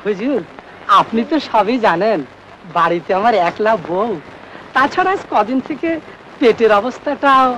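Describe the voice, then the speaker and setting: A whiny scared steward begging his boss, really high voice, old movie. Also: racing, slight background noise, poor audio. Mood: pleading. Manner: whining, pleading with his master. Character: timid male estate steward, servile and pleading.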